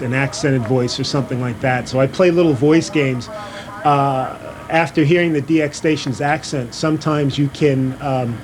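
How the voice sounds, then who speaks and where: A man who is a radio amateur chats casually, rambling and chuckling as he talks. His voice is mid-pitched. A clear layer of vehicle noise runs behind him. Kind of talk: casual interview. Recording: noisy recording with vehicle sounds.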